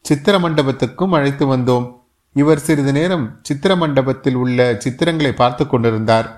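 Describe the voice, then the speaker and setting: A man's voice: medium pitch, a little fast, close to an everyday voice. A man voicing a nervous, servile male palace guard who pleads with his master in an audiobook. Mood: pleading.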